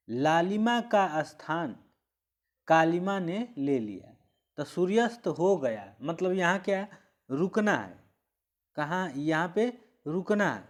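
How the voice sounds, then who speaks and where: A man teaching a grammar lesson for an exam, repeating phrases slowly as he explains each point. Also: on the high side, darkish tone.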